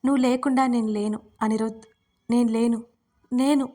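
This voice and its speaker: A woman voicing a young heroine, anxious and deeply loving, her lines pleading and fearful. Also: steady tone, moderate pace, mellow, lightly acted. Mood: tender. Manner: pleading, frightened cries.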